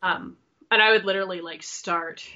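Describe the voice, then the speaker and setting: A woman's voice: lowish voice, fairly even intonation, moderate pace, bright, forceful tone, lo-fi sound. A woman from Canada chatting casually as a podcast co-host. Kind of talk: casual chat.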